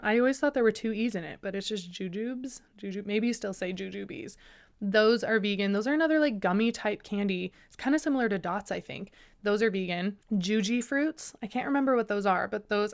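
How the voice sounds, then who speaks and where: A young woman hosting a solo podcast, talking in a chatty, bubbly way with lots of asides. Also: mid-range voice. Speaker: podcast host. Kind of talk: casual solo podcast chat.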